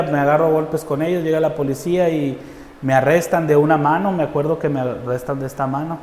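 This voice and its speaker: A man's voice: a little high, darkish tone. Earnest northern Mexican man, echoey hall. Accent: northern Mexican Spanish. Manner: earnest storytelling that acts out quoted dialogue. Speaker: testimony speaker. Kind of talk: personal conversion testimony. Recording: roomy hall reverb with faint background noise.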